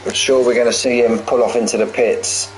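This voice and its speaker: Poor audio and slight background noise carry a mid-range, steady male voice that talks fairly quickly. The speaker, a sim racing commentator in his 40s, calls the race live, keeping it chatty and playful with repeated phrases and chat banter between moments of action.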